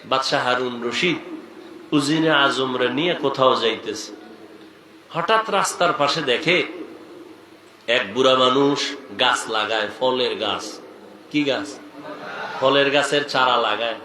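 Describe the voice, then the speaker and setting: A man preaching a sung and shouted sermon at an open-air religious gathering. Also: medium pitch, unhurried, long pauses, echoey room, background noise. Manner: chanting melodic delivery, breaking into shouts.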